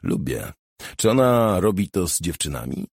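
A hardened, wary hustler who keeps his answers short and guarded, as a man reads him. The voice sits low and husky, recorded dry and close. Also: sing-song, moderate pace, no echo, full character voice.

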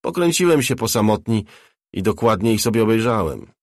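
A man's voice: fairly low pitch, big pitch swings, a little fast, a little mellow, dry recording, studio quality. A man voicing a battered young male biker, curt and cocky, in an audiobook reading. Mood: defiant.

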